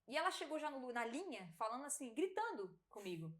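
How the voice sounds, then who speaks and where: A Brazilian woman, guesting on a podcast, tells her personal testimony in a brisk, high voice with a Brazilian Portuguese accent. The storytelling is casual and animated, and she laughs often while voicing the dialogue.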